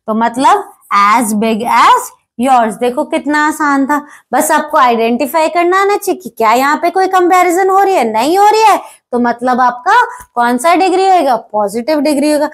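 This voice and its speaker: A woman with a high-pitched, animated voice teaches a grammar lesson step by step. She checks often that students are following and reads English example sentences slowly.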